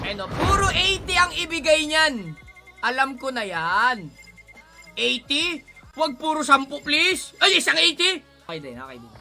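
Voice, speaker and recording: Male gaming streamer, high-pitched, piercingly bright, excitable, pleads and yells at the game. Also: unhurried, vocal fry, soft background music. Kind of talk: casual gaming commentary.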